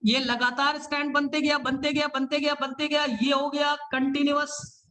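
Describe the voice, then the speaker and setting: Male biology teacher with a high, bright-sounding voice; energetic, repetitive online lecturer who keeps quizzing students. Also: moderate pace. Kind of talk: live online class lecture.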